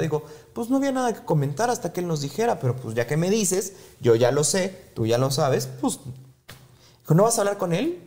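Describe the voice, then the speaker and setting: A man with a Mexican Spanish accent, a guest in an interview, telling a personal story in a lively way and acting out his family's dialogue. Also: fairly high pitch.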